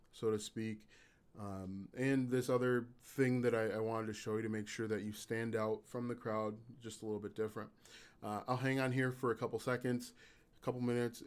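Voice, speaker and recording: On his YouTube channel, a raspy-voiced man runs a relaxed live stream. He stays calm and low-key, speaking haltingly and filling gaps with fillers.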